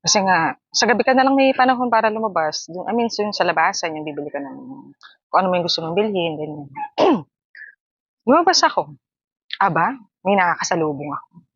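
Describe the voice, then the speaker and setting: Chatty laughing woman vlogger, husky voice. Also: lively intonation, brisk, pauses often, no echo, lo-fi sound. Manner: chatty and laughing, high squeals. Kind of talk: casual vlog chat. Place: outdoors by a hammock. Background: wind.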